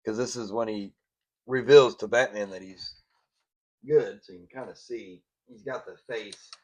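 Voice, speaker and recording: Guy cohosting a comic podcast, gets loud and worked up, laid-back drawl. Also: lowish voice, measured pace, slightly rough, rough recording. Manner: animated, loud bursts of disbelief, drawling. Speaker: podcast co-host. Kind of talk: casual comic book review chat.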